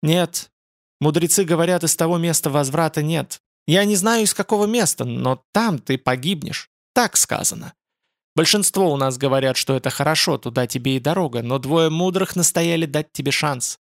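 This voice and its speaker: A man's voice: a little high, moderate pace, no echo, studio quality, close to an everyday voice. A man voicing a grave, proud female spirit being who speaks in a solemn, reserved way.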